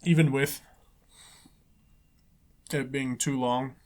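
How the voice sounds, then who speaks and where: Young dude cohost chatting about a movie, stumbles and restarts a lot, mid-pitch plain voice. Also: male voice, fairly even intonation, slow pace, a little mellow. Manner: stammers and restarts, talks while eating. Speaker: podcast co-host. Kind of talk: casual movie review chat.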